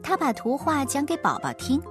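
A woman reading a children's picture book aloud in a lively, expressive way. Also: high-pitched, normal speed, music in the background. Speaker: storyteller.

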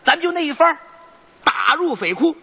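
A man's voice: extremely high pitch, very animated, fairly quick, creaky, pushed and bright. A man from Shaanxi doing live crosstalk comedy, cheeky, teasing and stubborn with his partner. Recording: live theater, audience noise.

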